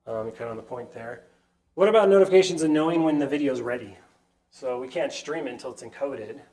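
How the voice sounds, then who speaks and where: A man's voice: medium pitch, a little mellow. A man presenting at a tech meetup, his voice stuffy and nasal from a sinus cold. He talks through a whiteboard sketch in a loose, chatty way and keeps checking in with the room. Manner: chatty, keeps asking the audience "right?". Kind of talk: casual whiteboard tech talk.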